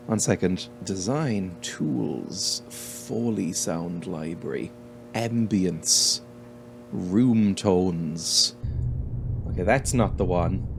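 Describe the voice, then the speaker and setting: A man's voice: sits low, drawn-out words, vocal fry, noisy background. A young man giving wry, sweary commentary while playing a game, reading its text aloud and laughing often. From Ireland. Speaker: let's-play host.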